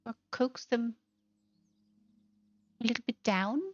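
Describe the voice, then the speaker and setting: A woman hosting a tour of a game house, gushing with lavish praise at a slow, deliberate pace and sometimes slipping into playful baby-talk. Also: on the high side, fairly even intonation, highs cut off, a little hiss or hum. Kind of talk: casual tour commentary.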